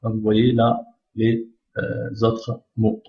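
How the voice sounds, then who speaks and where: A patient Arabic teacher with a mid-range, monotone, creaky voice takes it slowly through a step-by-step language lesson. He repeats every point and checks in with "d'accord?", all in dull lo-fi sound.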